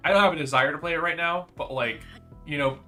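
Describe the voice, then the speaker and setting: A man's voice: a little high, fast talker, sharp tone, faint music behind. A young man chatting casually on a gaming stream, rambling and teasing his friend, full of fillers and restarts.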